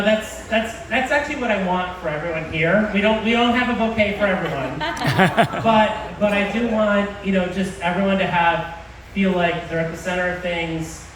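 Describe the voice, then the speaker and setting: Man's halting wedding toast in echoey hall. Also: high voice, fairly bright tone. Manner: halting, informal, with chuckles. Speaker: groom giving a wedding toast. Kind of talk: wedding toast, informal speech to guests. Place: large reverberant venue with guests. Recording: echoey hall from far off, noisy crowd.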